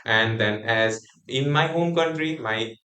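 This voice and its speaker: Speaking slowly in a mid-range voice that sounds pushed and bright, a student from Nepal presents with his class group. He has a Nepali accent as a native Nepali speaker, and his talk is full of fillers and restarts, recorded in an echoey room.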